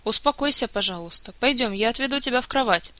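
A worried young woman, anxious and soothing, speaking in a raised voice, as a reader acts her out. The sound is bright and dry, close to the mic. It belongs to a storybook reading. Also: on the high side, expressive, fast talker, dry recording.

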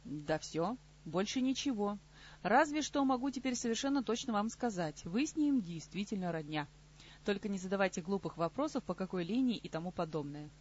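A woman's voice: medium pitch, animated, fairly quick, husky. A woman voicing a blunt young male telepath in an audiobook, curt and grumbling, on slightly muffled audio. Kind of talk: audiobook character reading.

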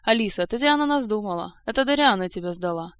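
A woman's voice: mid-range voice, animated, fast talker, clean tone, no room sound, natural voice. A woman reading as a sensible, kind young lady of the court, earnest and direct. The recording is dry and close.

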